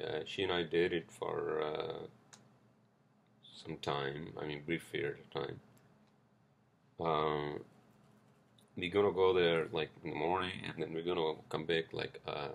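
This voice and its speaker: This is a man with a low, creaky voice hosting a casual solo podcast. He speaks English with a non-native accent and rambles loosely, using lots of fillers, restarts and swearing.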